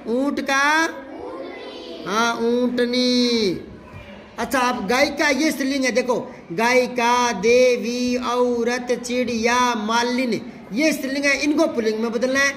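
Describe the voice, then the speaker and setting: A man's voice: very high-pitched, a bit bright. A male teacher, drilling a class on grammar and often repeating answers back as questions. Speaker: Hindi teacher. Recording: faint crowd and room noise.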